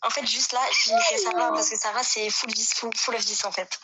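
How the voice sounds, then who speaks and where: A woman with a slightly high voice teases her friends and repeats herself in a group voice chat. Loud hiss and noise swamp her microphone. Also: wildly swooping pitch, fairly quick. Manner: teasing, repetitive. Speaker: voice chat participant. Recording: loud noisy online voice chat mic.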